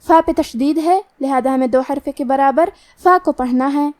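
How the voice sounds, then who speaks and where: A woman teaching Quran recitation rules in a slow, careful, explanatory way, reciting verses between explanations. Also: sits high, darkish tone. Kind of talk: tajweed lesson with recitation.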